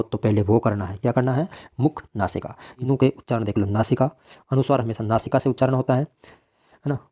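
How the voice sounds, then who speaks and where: A man's voice: medium pitch, warm tone. A man teaching grammar in a classroom-style lecture, asking questions and answering them himself and repeating key points.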